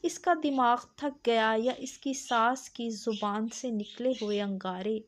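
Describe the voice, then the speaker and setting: A woman narrating a scripted family story in a steady, even reading voice. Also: on the high side.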